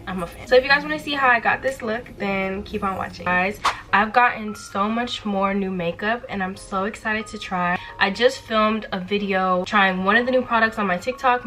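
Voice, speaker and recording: A young woman who is getting over a cold chats casually with her viewers while doing her makeup as a beauty vlogger. Her mid-range voice sounds pushed and bright, and she's chatty and playful, talking straight to the audience in a get-ready-with-me style.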